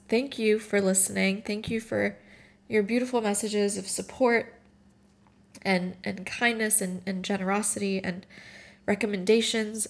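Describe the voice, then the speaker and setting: A woman in her twenties from Morocco, tearful and tired, sharing a personal reflection and reading her own writing aloud in a halting, emotional way with frequent restarts. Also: medium pitch. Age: 20s.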